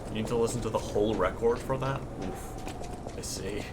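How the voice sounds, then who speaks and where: A man's voice: lowish voice, normal speed, very noisy. A man doing casual live commentary as he streams a video game, with wry, joking reactions.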